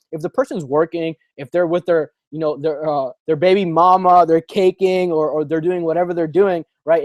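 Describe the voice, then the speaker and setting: A young man hosting a call, coaching listeners in an energetic, slangy way and calling them "bro" a lot. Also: a little high, dry recording. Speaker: call host and trainer.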